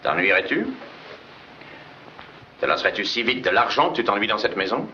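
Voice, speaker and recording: Contemptuous tycoon husband, lowish, 1940s dub on a dull soundtrack. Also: male voice, sing-song, moderate pace, sharp tone. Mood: cold. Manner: cold, contemptuous, domineering. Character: cold, controlling rich male tycoon husband. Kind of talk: 1940s film dub acting. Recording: dull old film soundtrack with hiss.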